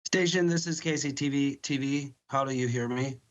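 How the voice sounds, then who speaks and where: A man's voice: medium pitch, normal speed, muffled recording. An American man, a local television reporter, putting questions in a broadcast interview.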